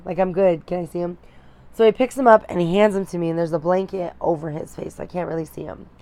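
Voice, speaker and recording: A young woman telling a personal story to her viewers, candid and emotional, often pausing and restarting her sentences. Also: lowish voice, darkish tone. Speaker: vlogger.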